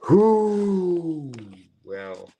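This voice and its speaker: A Chinese man in his twenties, a native Chinese speaker from China, chats loosely on a livestream, swearing, calling listeners bro, and doing mocking impressions in a raised voice. His voice is high-pitched and dark-toned, with big pitch swings and an extremely slow pace. There's slight background noise.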